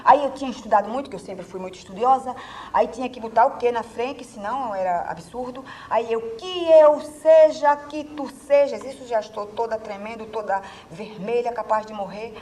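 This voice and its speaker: A woman telling a personal story in an animated way, acting out the dialogue. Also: on the high side, fairly quick. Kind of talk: personal anecdote. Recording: faint background noise.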